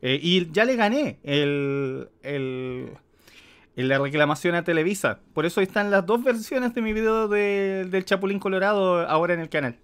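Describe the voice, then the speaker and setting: A man's voice: sits high, animated, moderate pace, fairly bright tone, smooth. A man streaming casual live commentary as he reacts to a film.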